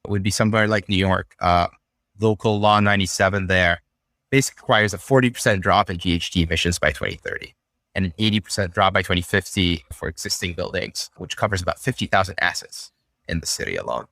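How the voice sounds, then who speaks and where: A man's voice: low-pitched, fast talker, creaky, dry recording, studio quality. Young Syrian man explaining things casually. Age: young adult. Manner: relaxed, thoughtful, explanatory with frequent fillers. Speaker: podcast guest. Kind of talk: casual conversational interview.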